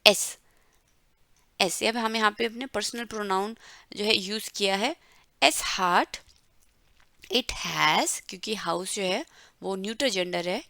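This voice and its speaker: A woman teaching a German lesson, explaining words and drawing out pronunciation slowly. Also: mid-range voice, sharp tone, no echo. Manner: slow, drawn-out pronunciation drills. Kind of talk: bilingual language lesson.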